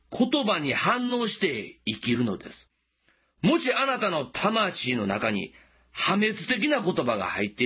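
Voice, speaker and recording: A man preaching a sermon as pastor, gently asking listeners questions and slowing down for emphasis, in a dull lo-fi recording. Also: on the high side, slightly rough.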